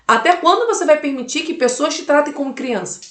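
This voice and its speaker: A fairly high-voiced woman talks straight to the viewer, giving firm motivational advice as a mother. She repeats her key phrases and keeps asking the listener questions. Her voice rings out in a roomy, echoey space. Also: lively intonation, a little fast.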